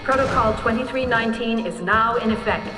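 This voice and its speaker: Factory loudspeaker alarm announcer, echoing. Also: female voice, on the high side, a little fast. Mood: calm warning. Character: female facility alarm announcer, calm, official. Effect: building public-address loudspeaker. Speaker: facility alert announcer. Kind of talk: video game facility warning announcements. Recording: echoey loudspeaker in a long hall, loud music.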